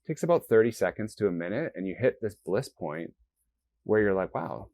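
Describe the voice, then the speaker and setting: Deep-voiced man explaining earnestly. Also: sing-song, brisk, darkish tone, dry recording. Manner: earnest, explanatory, acts out quoted self-talk. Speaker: guest, company founder. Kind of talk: interview conversation.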